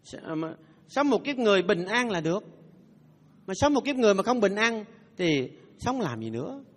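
A man's voice: sits high, sing-song, normal speed. A Buddhist monk giving a playful, humorous dharma talk, leading his audience in call-and-response chanting. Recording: long hall reverb.

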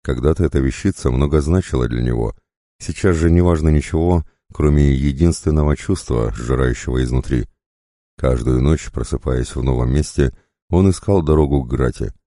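A man reading an audiobook in a measured, even storytelling manner. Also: extremely low pitch, dry recording, clean studio sound. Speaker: narrator. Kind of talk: audiobook narration.

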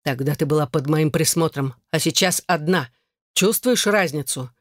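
A reader voicing a jealous, domineering man who speaks slowly through clenched teeth in an audiobook. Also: medium pitch, no room sound, clean studio sound, natural voice. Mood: stern. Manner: slow, clipped, through teeth. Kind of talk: audiobook character voice.

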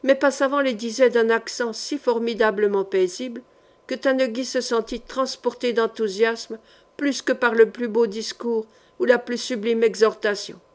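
A woman narrating a historical novel audiobook in a measured, dramatic reading. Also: fairly high pitch, steady tone.

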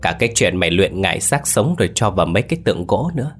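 A man's voice: low voice, big pitch swings, quick pace, faint music behind. A man voicing an enraged, vengeful old man. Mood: bitter. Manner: roaring, threatening.

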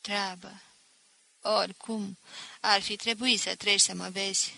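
A woman reading an audiobook voices a dying old uncle, tired, wry and bitter, speaking slowly. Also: mid-range voice, little pitch movement, creaky, sharp tone. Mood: weary.

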